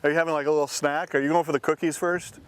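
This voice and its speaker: A man's voice: a little high, little pitch movement, rapid-fire, clean tone, dry recording. A man hosting a cooking show on location, chatting in an upbeat, salesman-like way. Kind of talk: casual on-location chat. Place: outdoors at a field camp.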